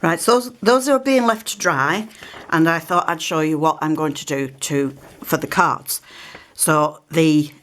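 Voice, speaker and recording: A craft tutorial presenter, slightly sick with a cold and coughing now and then, explains each step in a relaxed, chatty way while working at her table. Her voice is low and unhurried. The overhead camera keeps her hands in view.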